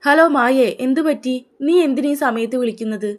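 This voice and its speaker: A woman voicing a young man who stays calm while holding back anger in a narrated story, speaking firmly. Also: sits high, moderate pace, close to an everyday voice. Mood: concerned. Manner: firm and resolute.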